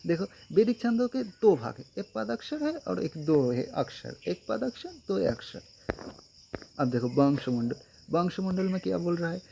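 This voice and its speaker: A man's voice: high voice, very animated, normal speed, gravelly, dark tone, muffled recording, slight background noise. A man giving an exam-prep lecture as a tutor, repeating points and checking in often with short confirmations. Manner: repetitive, frequent "thik hai" checks.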